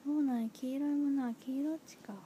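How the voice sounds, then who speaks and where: A woman with a fairly high, warm, mellow voice makes intimate pillow talk with a young child. She is gentle and encouraging, asking simple questions. It is a home recording with faint room noise behind her. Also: steady tone, a little fast.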